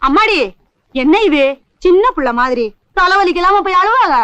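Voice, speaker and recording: A woman's voice: extremely high pitch, expressive, moderate pace, pushed and bright, no echo, heavily acted. An actress playing the groom's mother, fussing over the bride, in a 1980s film. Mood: affectionate. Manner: fussing, affectionate. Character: groom's mother, pleased and chatty. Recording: film soundtrack with music.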